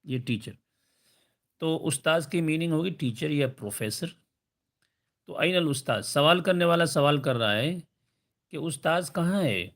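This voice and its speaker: A man's voice: on the high side, lively intonation, fairly bright tone. Patient man teaching Arabic lessons. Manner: patient, repeats "ٹھیک ہے؟" checks and slow drawn-out example phrases. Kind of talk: recorded online lesson.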